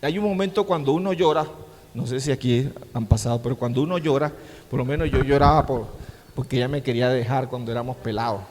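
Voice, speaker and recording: A middle-aged man preaching a sermon as pastor, swinging from hushed words to shouts. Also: medium pitch, fast talker. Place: church sanctuary. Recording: long church-hall reverb.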